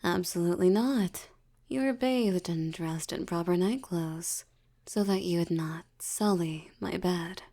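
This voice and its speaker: A woman voices a haughty, predatory female vampire in intimate audio roleplay, teasing and condescending as she speaks slowly and deliberately. Her pitch sits fairly low and her tone is warm, with a breathy murmur that drifts toward a whisper.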